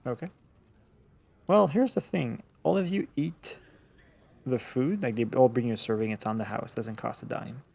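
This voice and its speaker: A man running a tabletop game as dungeon master, his voice rough with fry. He narrates casually and stops to restart his sentences often. It sounds like a livestreamed home session. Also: medium pitch, normal speed, a little mellow. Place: home setup, streaming online.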